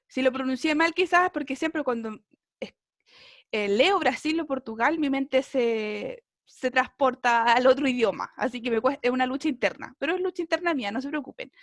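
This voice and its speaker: A woman's voice: high voice, normal speed, dry recording, clean studio sound. A woman with a Chilean Spanish accent, teaching an English class online in a chatty way and often checking in with her students.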